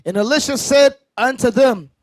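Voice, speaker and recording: A man's voice: very high voice, normal speed, dry recording. A man reading Bible verses aloud to a class, declaiming the old-fashioned wording with rising emphasis. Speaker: scripture reader.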